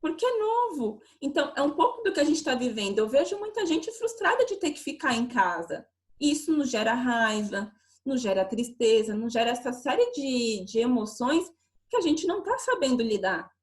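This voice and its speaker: A woman's voice: high-pitched, very animated, moderate pace. A woman giving an online lecture over a video call, explaining with many rhetorical questions.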